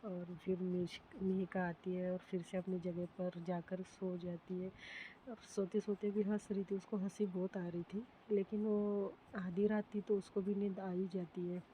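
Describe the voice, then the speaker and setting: Woman storyteller, relaxed and chatty, soft warm tone. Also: on the low side, a little slow, slight background noise, poor audio. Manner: chatty, with frequent fillers. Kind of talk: casual story narration.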